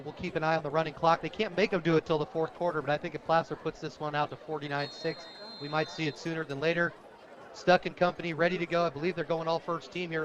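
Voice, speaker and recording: A high-voiced American man calls a football game as a radio play-by-play announcer, speaking conversationally in short, punchy phrases with a fairly bright tone. The broadcast audio is dull and lo-fi.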